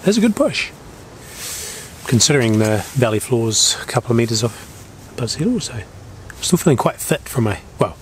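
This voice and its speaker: A man's voice: mid-range voice, sing-song, moderate pace. A man with a broad New Zealand accent talking casually and in a laid-back way to camera as a hunting vlogger outdoors. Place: outdoors in bush and hilltops. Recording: noisy outdoor ambience.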